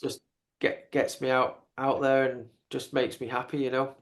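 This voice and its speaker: Halting man in his fifties. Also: mid-range voice, level tone. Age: 50s. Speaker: podcast host. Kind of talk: casual interview chat.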